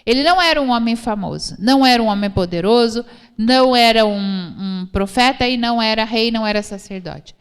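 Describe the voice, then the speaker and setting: Brisk and smooth, this slightly high female voice carries a Brazilian Portuguese accent as she delivers a sermon. She teaches from scripture, repeating phrases to drive points home while addressing a congregation in a church hall. The hall's reverb is audible in the recording.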